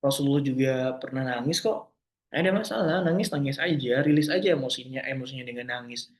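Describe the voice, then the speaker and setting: A young man answering listener questions in a casual talk, gentle and reassuring, often forgetting terms and restarting. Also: mid-range voice, quick pace, reverberant.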